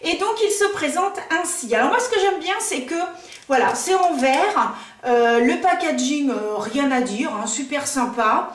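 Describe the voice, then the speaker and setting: High, chatty woman in an echoey room. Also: expressive, a little slow, far from the mic. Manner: chatty, lots of fillers, self-mocking asides. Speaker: beauty vlogger. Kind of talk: casual makeup review. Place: room at home in the countryside. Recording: roomy echo, voice a bit off-mic.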